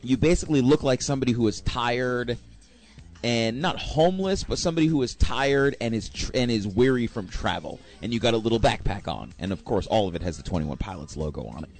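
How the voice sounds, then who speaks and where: A young man telling a rambling, animated anecdote, correcting himself as he goes. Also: mid-range voice, fairly quick. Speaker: storyteller. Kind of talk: casual anecdote.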